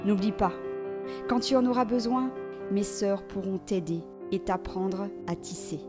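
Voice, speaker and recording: A woman voicing a gentle, loving mother giving last advice in a storybook reading. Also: medium pitch, a little slow, over music, close to an everyday voice. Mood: tender.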